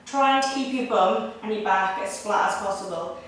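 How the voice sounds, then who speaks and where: A young woman leading a Pilates workout, giving steady, encouraging step-by-step cues. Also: medium pitch, normal speed, far from the mic, a little hiss or hum. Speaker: Pilates instructor. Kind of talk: guided exercise instruction. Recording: echoey room, voice picked up from afar.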